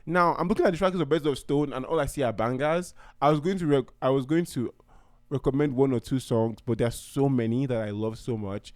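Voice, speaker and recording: A young Nigerian man hosts his own podcast solo, talking casually and from the heart while rambling and frequently restarting sentences. His medium-pitched, darkish voice moves fairly quickly, captured in a dry, studio-quality recording.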